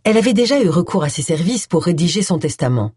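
Expressive, husky audiobook narrator. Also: mid-range voice, fast talker, no echo, clean studio sound. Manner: expressive storytelling. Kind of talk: scripted narration.

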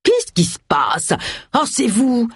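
A man's voice: extremely high pitch, huge pitch swings, takes it slowly, husky, dry recording, studio quality, voice pushed up, exaggerated voice. A woman reading aloud voices a stern, indignant male village pastor who talks in haughty exclamations.

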